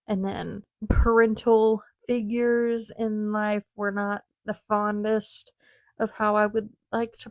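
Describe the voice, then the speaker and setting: A woman's voice: mid-range voice, vocal fry, no echo. A woman in her twenties hosting a casual solo podcast, telling a rambling personal story with chatty tangents. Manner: chatty, rambling, self-deprecating with frequent tangents. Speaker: podcast host.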